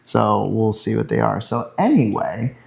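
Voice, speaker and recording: Gravelly-voiced man co-hosting a family podcast. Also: fairly low pitch, lively intonation, a little slow, a little mellow, rough recording. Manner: easygoing, joking. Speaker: podcast co-host. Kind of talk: casual family chat.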